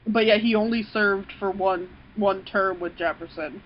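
A woman co-hosting a casual podcast chat, animated and laughing often, with casual swearing. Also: mid-range voice, normal speed, muffled recording, slight background noise. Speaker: podcast co-host.

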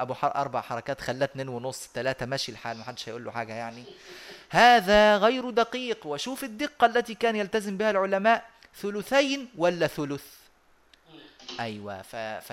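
A man with an Egyptian Arabic accent teaching Quran recitation in an online lesson over a video call. He explains a rule, then recites the examples slowly and repeats them. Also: mid-range voice.

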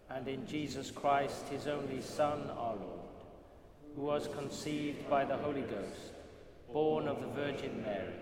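A man recites a creed in a steady, measured way during a church service. His voice rings in a cathedral echo with a long reverb, picked up from a distance. A large congregation speaks loudly along with him. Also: mid-range voice.

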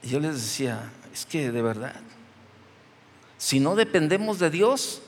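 A Mexican pastor preaching in a slightly high voice that rings through the long reverb of a church hall. His delivery is chatty and full of humor, like a man telling an anecdote among friends before he brings it back to the point. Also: big pitch swings, measured pace, breathy edge. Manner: conversational, joking storytelling from the pulpit. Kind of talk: sermon.

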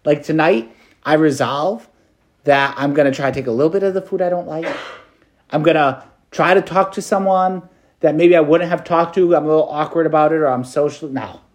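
Chatty priest with a slightly high voice. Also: male voice, brisk. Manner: conversational, peppered with "like" and "right?"; light self-deprecating humor. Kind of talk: preached meditation to students.

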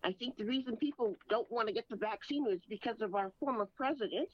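A woman's voice: on the high side, quick pace, dry recording, dull audio. A woman who owns a pharmacy, answering interview questions in a direct, plain way. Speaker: pharmacy owner, guest.

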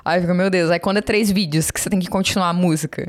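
A woman's voice: on the low side, fairly even intonation, fast. A Brazilian woman chatting casually as a guest, talkative and self-deprecating, with many fillers. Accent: Brazilian Portuguese. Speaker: guest, social media marketer. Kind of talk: casual conversation.

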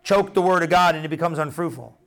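A middle-aged pastor preaching a sermon, animated, repeating phrases and drawing replies from the congregation. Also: male voice, fairly high pitch, fast.

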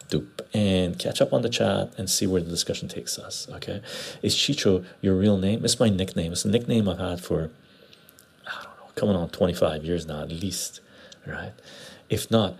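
Gravelly low-voiced man on a lapel mic. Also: moderate pace. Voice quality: gravelly, husky. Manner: laid-back, repeats short phrases. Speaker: livestream host. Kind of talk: casual livestream chat, greeting viewers and reading comments. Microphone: clip-on lapel mic into external recorder.

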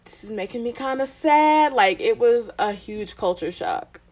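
A young woman from Georgia with a Southern American accent, co-hosting a podcast in a relaxed, thoughtful chat. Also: a little high, measured pace. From Georgia, USA. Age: young adult. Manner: relaxed, thoughtful, many fillers. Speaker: podcast co-host. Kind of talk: casual chat.

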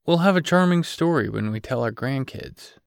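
A man's voice: medium pitch, animated, normal speed, gravelly, smooth, no echo, studio quality, pitched above the performer's own voice. A man voicing an eager, wide-eyed grown man. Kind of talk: audiobook character reading.

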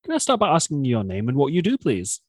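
A man's voice: mid-range voice, huge pitch swings, fast, a little mellow, slightly rough, no room sound, studio quality. A man hosting a chatty interview, asking guests questions in a conversational style. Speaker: interviewer and host.

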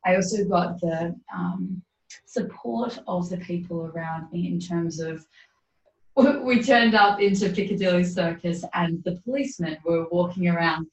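A woman with a fairly low voice tells a personal story on a podcast, earnest and animated and quick to laugh. She sounds far from the mic, in a roomy, echoing space. The sound is muffled and dull. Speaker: podcast guest. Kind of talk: casual storytelling chat.

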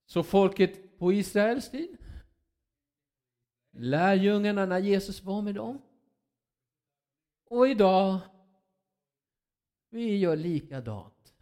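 A man preaching a sermon, acting out quoted voices with dramatic swings in loudness. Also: high-pitched, animated, pauses often.

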